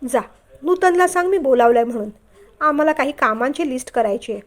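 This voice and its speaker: Brief: woman reader doing a strict older father in a family storybook, scolding hard, high-pitched. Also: expressive, a little fast. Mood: soft, fatherly. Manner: shouting scolds. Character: stern older father, scolding loudly, then gentle.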